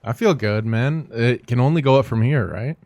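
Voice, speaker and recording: A man's voice: medium pitch, moderate pace, a little mellow, no room sound. A man co-hosting a casual movie podcast, rambling and hesitant with lots of fillers. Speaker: podcast co-host.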